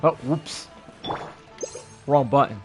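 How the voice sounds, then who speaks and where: This game streamer speaks at a slow pace with a medium-pitched male voice, chatting casually over gameplay while game music plays. His talk rambles, and he keeps circling back to the same phrases.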